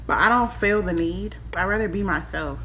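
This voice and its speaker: A woman in her twenties, a makeup vlogger, chats casually to the camera from a small room at home during a makeup tutorial, rambling in a giggly, tipsy way. Her voice is fairly low and a bit bright at a normal speed, with a little hiss or hum in the recording.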